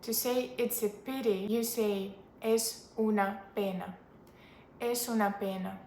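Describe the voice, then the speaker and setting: A woman teaching useful phrases in a chatty, upbeat way, repeating each phrase slowly for her learners. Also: medium pitch, fairly even intonation, darkish tone, echoey room, a little hiss or hum. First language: not Spanish or English. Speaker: language teacher. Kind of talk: casual language lesson to camera.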